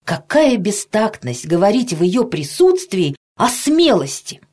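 Woman narrator doing a fussy, kind children's doctor from a storybook: effusive, lively swoops, husky edge. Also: mid-range voice, unhurried, voice pushed up. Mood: self-reproaching. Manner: effusive, self-reproaching exclamations. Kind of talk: storybook reading.

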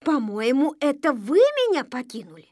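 Brief: a woman playing a lecturing little know-it-all boy from a storybook, high voice, dry close sound. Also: wildly swooping pitch, normal speed, mellow, no room sound. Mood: reproachful. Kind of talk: storybook reading.

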